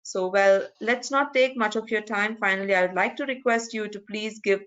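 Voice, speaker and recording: A woman with a mid-range, fairly bright voice runs an online conference at a moderate pace, courteously walking people through steps and often restarting her sentences. It's captured by screen-recording a video call, so the audio is dull and lo-fi.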